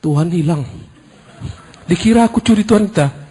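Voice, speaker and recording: A panicked young male thief, voiced by a preaching man, blurts in a high, strained pitch. The husky voice sounds loud and frantic. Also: expressive, moderate pace. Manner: frightened, breathless.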